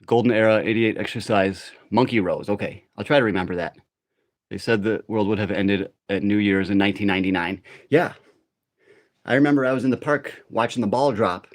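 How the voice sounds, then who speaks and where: A man's voice: fairly low pitch, a little fast. A middle-aged man hosting a live workout, talking casually and in a rambling, conversational way to his viewers. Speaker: livestream workout host. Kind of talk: casual livestream chat during a workout.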